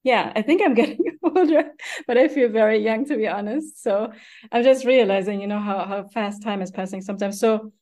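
A woman's voice: a little high, brisk, darkish tone. A woman in her forties with a foreign accent, hosting a casual podcast interview, chatty and effusive, tagging her sentences with "right?". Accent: foreign-accented English. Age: 40s. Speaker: podcast host.

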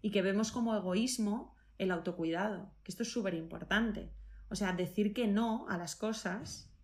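A woman nutritionist, answering interview questions casually and with enthusiasm. She thinks aloud, often rephrasing herself and filling pauses. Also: mid-range voice.

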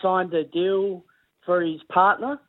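An Australian man calls into a radio show, chatty and blunt. His voice sits high. He comes through a tinny phone line. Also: fairly even intonation, slow pace. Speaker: caller.

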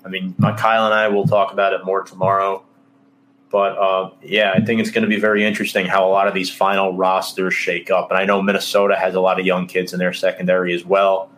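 A man hosting a casual sports podcast, talking loosely with many fillers and pauses while he leads the segments. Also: low voice, flat delivery, a bit bright. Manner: hesitant, filler-heavy, loose. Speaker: podcast host.

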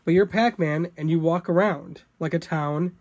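A man's voice: a little high, normal speed, darkish tone. A young man co-hosting a podcast, rambling in casual chat with lots of fillers and casual swearing. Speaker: podcast co-host.

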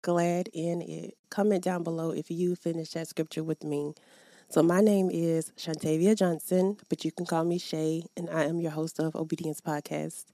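Speaking into a podcast mic, this female host of a faith podcast sounds upbeat as she talks to listeners directly and leads prayer. She has a deep voice with a flat delivery, normal speed and a dark tone. The recording is dry and clean, like a studio.

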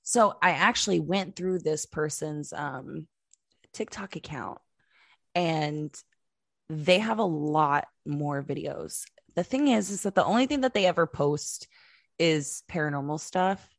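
A woman with a somewhat low voice chats casually with her co-host, telling the story behind each clip in an animated way. The sound is dry and close. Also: a little slow, dry recording. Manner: animated storytelling, laughs often. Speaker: co-host showing videos. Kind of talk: casual podcast chat.

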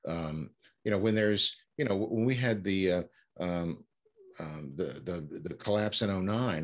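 A man speaking as a fundraising consultant in an interview, explaining with frequent fillers and restarts. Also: sits low. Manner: halting, many fillers and restarts. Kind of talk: conversational interview answers.

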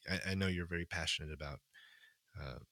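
A man's voice: sits low, fairly even intonation, a little fast, pushed and bright, dry recording. A man in his late twenties in casual chat, talking hesitantly with many fillers. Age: 20s. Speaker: podcast co-host.

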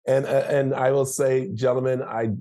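A man's voice: mid-range voice, flat delivery, normal speed, warm tone. A middle-aged man hosting a podcast, chatting casually about health, giggling and restarting his sentences. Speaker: podcast host.

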